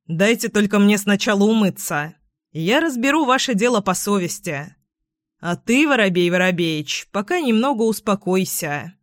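A woman voicing a cheerful male chimney sweep who speaks in a calm, good-natured way in a storybook. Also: mid-range voice, moderate pace, dry recording, studio quality, lightly acted.

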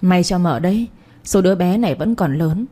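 Woman reading as a calm old village healer man. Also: on the low side, moderate pace, breathy edge. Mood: grave. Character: elderly male village herbal doctor, calm.

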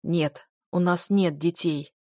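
Woman as grave, bitter husband; slow, heavy, dry close sound. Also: fairly low pitch, darkish tone, dry recording, close to an everyday voice. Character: stern grieving husband, a dragon lord.

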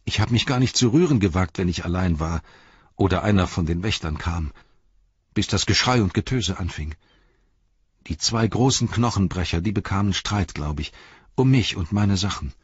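A man's voice: low-pitched, expressive, moderate pace, breathy edge, no room sound, heavily acted. A man reading an audiobook, voicing a frightened, worn-down young male hobbit who flares up in anguish, in a dull, dry recording. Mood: shaken. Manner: anguished, flaring to shouting.

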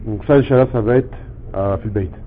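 A man teaching a language lesson, explaining patiently step by step and repeating words slowly for his student. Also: fairly low pitch. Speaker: Arabic teacher. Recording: tinny phone-like sound with faint noise.

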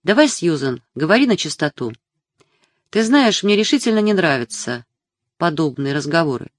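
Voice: medium pitch, very animated, normal speed, no room sound, studio quality, close to an everyday voice. A reader voicing an irritated aging father who speaks curtly and firmly in an audiobook. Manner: curt, firm. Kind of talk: audiobook character reading.

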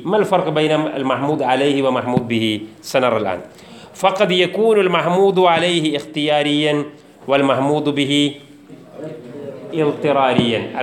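A man's voice: fairly high pitch, echoey room. A man teaching a theology text in a classroom, repeating key phrases, quizzing his students and joking with them.

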